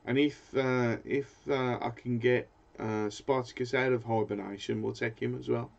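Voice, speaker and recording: A man's voice: mid-range voice, fairly even intonation, moderate pace, creaky. A British man hosting a fishing channel, chatting casually in a live stream and rambling as he hunts for words. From Britain. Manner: rambling, hesitant, searches for words. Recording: dull lo-fi sound.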